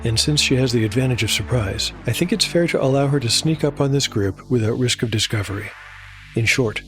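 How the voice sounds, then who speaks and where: A man narrates a dark fantasy tabletop audiodrama at a medium pitch, telling the story in a measured, deliberate, scripted style.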